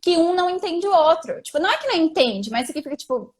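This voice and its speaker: Host feminina, voz bem aguda, papo descontraído com gírias. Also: female voice, very high voice, quick pace. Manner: lively, casual, uses slang. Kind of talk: casual interview chat.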